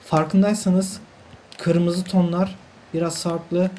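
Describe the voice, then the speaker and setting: A man's voice: high-pitched, flat delivery, slow pace, mellow, slight background noise. A young man commenting live on his own football video game, exasperated, urging his players on and repeating himself as things go wrong. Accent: Turkish. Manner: exasperated, talks to players on screen, swears by God, repeats himself. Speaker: gaming channel host.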